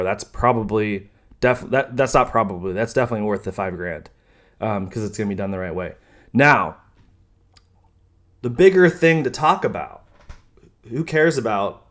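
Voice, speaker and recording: A young man with a fairly low voice talks casually to his viewers, filling pauses with ums and restarting sentences. His tone stays chatty and loose, with a dry, sarcastic edge here and there. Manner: rambling, many ums and self-corrections. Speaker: car vlogger. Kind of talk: casual talking-head vlog.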